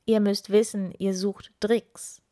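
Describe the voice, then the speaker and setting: A woman voicing a gaunt, grumpy old male wizard who talks slowly and gruffly. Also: medium pitch, level tone, mellow, natural voice. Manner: slow, gruff grumbling.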